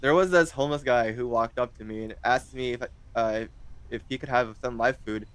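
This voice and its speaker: A man's voice: mid-range voice, brisk, smooth, no echo. A young man in his twenties, chatting casually as an interview guest, hesitant and full of fillers. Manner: hesitant, rambling with many fillers.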